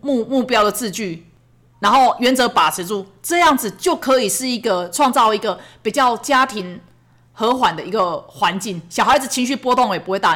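A mother chats casually about raising her kids in a fairly high, lively voice. She tells her stories in a chatty way and slips into the voices of the people in them. The delivery has the easy feel of a personal podcast. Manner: lively, chatty, acts out quotes. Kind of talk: casual storytelling chat.

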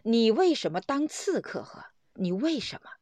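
A woman voicing a gruff old male immortal who scolds and tests a young man, in lofty old-fashioned speech. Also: fairly high pitch, very animated, moderate pace, a little mellow, no room sound. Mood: stern.

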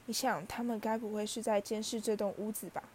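A woman's voice: mid-range voice, lively intonation, fast, darkish tone, slight background noise, close to an everyday voice. A woman voicing a frightened middle-aged aunt with a trembling, anxious voice in a storybook reading.

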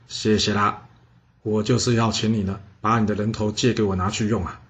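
A man's voice: mid-range voice, fast talker, close to an everyday voice. A man voicing a scheming, wheedling ancient prince in a told story. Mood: sly. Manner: wheedling, sly. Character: scheming, fawning ancient prince, male adult.

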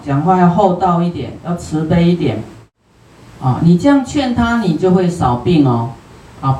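Slow, roomy Taiwanese Mandarin Buddhist lecture. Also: medium pitch, a little mellow, a little hiss or hum. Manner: homely, chatty, peppered with drawn-out particles. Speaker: Buddhist teacher. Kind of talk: sutra lecture sermon. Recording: roomy hall, distant from the mic.

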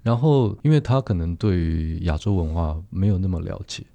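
A man with a deep, creaky, mellow voice and a Taiwanese Mandarin accent talks animatedly and a little fast, with no echo. In a casual, reflective chat, he speaks earnestly and feels his way through his phrases.

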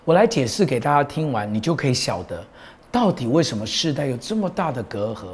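A man's voice: mid-range voice, sing-song, fairly quick, faint music behind. A middle-aged man, a pastor giving an earnest, proclaiming talk that he mixes with personal stories. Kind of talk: preaching talk on a show.

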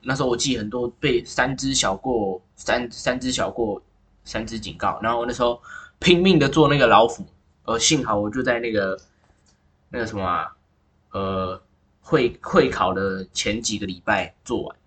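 A man's voice: mid-range voice, moderate pace, a bit bright, slightly rough. A young man hosting a casual chat, blunt and swearing freely. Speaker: host.

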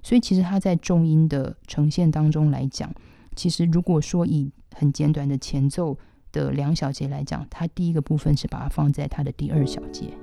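Very mellow, gravelly Taiwanese Mandarin woman. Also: low-pitched, fairly even intonation. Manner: measured, thoughtful, slows down to stress points. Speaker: podcast host and pianist. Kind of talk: reflective music commentary.

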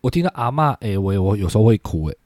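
Casual co-host, Taiwanese Mandarin man, low voice, lively swings in pitch, blunt and jokey. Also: quick pace, no room sound, clean studio sound. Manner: blunt, laughing, swears offhandedly. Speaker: podcast co-host. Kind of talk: casual chat.

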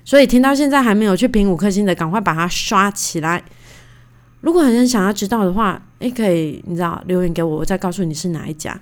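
A woman in her thirties hosting a casual solo podcast, telling stories in a chatty, animated way with lots of fillers. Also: medium pitch, quick pace. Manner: chatty, animated, indignant retelling; many fillers like "you know". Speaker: podcast host.

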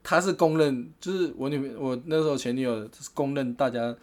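A man's voice: medium pitch, brisk. Laid-back man telling anecdotes. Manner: rambling anecdotes full of 'this way' fillers, laughs often. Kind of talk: casual chat, storytelling.

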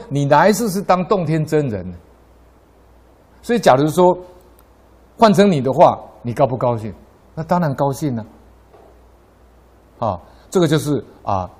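Middle-aged man, fairly high voice, Buddhist dharma talk, climbs in pitch during anecdotes. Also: darkish tone. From Taiwan. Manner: storytelling, voice rising sharply in anecdotes. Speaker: lay Buddhist speaker.

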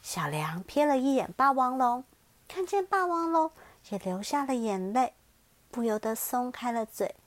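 A woman gently reading a bedtime story aloud as the storyteller, expressive and close to the mic. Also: a little high, a little slow, no room sound.

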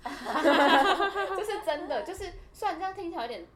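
A woman's voice: very high-pitched, moderate pace, very noisy. A woman co-hosting a podcast, chatting casually and telling a funny story, laughing often and acting out the dialogue. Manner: animated, laughs often, acts out quoted dialogue. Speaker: podcast co-host.

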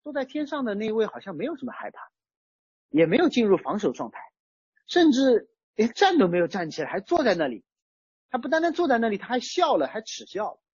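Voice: mid-range voice, big pitch swings, fairly quick, darkish tone, husky, no room sound, highs cut off. A preacher giving a sermon in a conversational way, using everyday examples. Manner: conversational, uses everyday chat-group analogies. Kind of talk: sermon on a psalm.

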